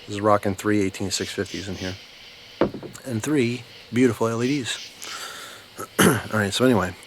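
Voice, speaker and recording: An American man from New Jersey telling a story casually, in an informal, unhurried way, repeating words for emphasis. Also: lowish voice, a little hiss or hum, rough recording. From New Jersey, United States. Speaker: storyteller, video host. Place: outdoors at night near bushes.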